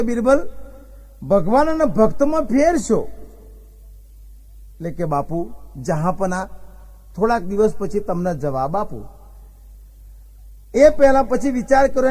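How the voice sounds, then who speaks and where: A man's voice: high voice, a little mellow. A man from Gujarat, telling folksy comic stories as a stand-up comedian and acting out the dialogue. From Gujarat, India. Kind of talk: comic storytelling on stage.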